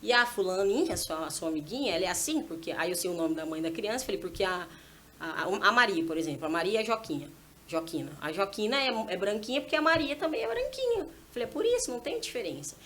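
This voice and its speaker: A rapid, chatty woman shares a heartfelt anecdote about parenting. She slips into the voices of herself and her child as she talks. Her speech is quick, and faint room noise sits in the background. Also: medium pitch. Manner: animated, acts out dialogue with her child. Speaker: guest, mother of a small daughter. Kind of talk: casual storytelling testimony. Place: church podcast setting.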